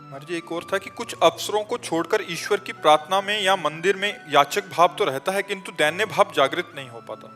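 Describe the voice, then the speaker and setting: A man's voice: sits high, a little fast, sharp tone, faint music behind. A man reading out devotees' questions in a polite, respectful, formal way.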